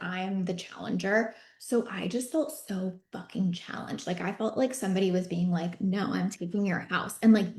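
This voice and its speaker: A woman's voice: medium pitch, a little mellow. A woman host giving a casual, chatty personal update to her online group, full of fillers and swearing, and reading chat replies aloud. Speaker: business coach and host. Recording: echoey room.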